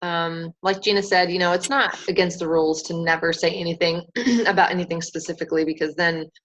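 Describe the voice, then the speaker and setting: A woman hosting a casual team call, chatty and laughing often, acting out quotes in a higher voice. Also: flat delivery, brisk, a bit bright, slight background noise. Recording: dull lo-fi call audio.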